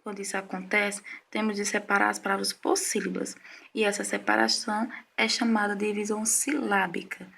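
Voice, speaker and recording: Woman teacher, gravelly tone, mid-pitched, patient explainer, slight noise behind. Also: little pitch movement, fairly bright tone. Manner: measured, explaining slowly with frequent "certo?" checks. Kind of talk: recorded Portuguese lesson.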